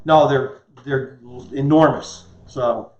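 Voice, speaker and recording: Speaking slowly at a medium pitch, a chef in his fifties who hosts a cooking show jokes and chats casually through a live demonstration. He's indoors in a home kitchen, where the echo gives the recording a dull, muffled quality.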